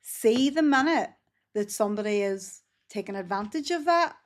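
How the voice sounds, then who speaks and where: A woman's voice: mid-range voice, animated, normal speed. A woman, a business founder talking frankly in a casual interview. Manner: frank and earnest, with frequent 'um' and restarts. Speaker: business founder, podcast guest.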